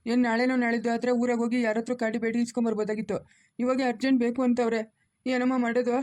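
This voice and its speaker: A woman voicing a poor, worried old village grandfather, speaking gently and repetitively, with a rural Karnataka Kannada accent. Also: a little high, flat delivery, fast, no echo, natural voice. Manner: gentle, soothing, repetitive pleading.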